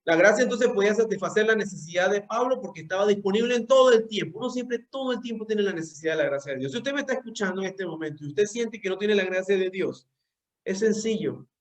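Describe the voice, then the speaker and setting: A young Venezuelan man preaches a sermon in a high, animated voice at a quick pace. He is earnest and direct, addressing listeners as "usted" and often repeating words while he hunts for the right phrasing.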